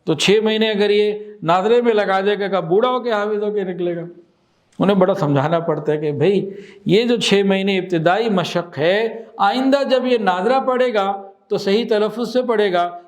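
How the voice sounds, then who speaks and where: High-voiced man giving a religious talk. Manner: explains with examples, asks the listener questions; repeats phrases slowly for emphasis. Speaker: Islamic teacher.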